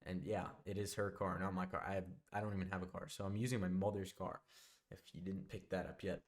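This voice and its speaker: A young man telling a casual storytime monologue, rambling and backtracking, often dropping into quieter asides. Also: sits low, little pitch movement, fast. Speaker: vlogger.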